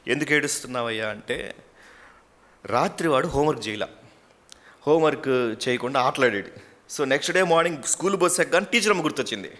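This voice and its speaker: Bright-voiced storytelling pastor, man. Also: a little high, brisk, long pauses. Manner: animated storyteller, acts out characters. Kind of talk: sermon.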